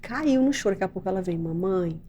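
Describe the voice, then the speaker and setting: A middle-aged Brazilian woman, a doctor and mother, hosts a casual podcast with a medium-pitched, slightly mellow voice and a Brazilian Portuguese accent. She speaks at a racing pace, telling stories animatedly and acting out the scenes, with slight background noise.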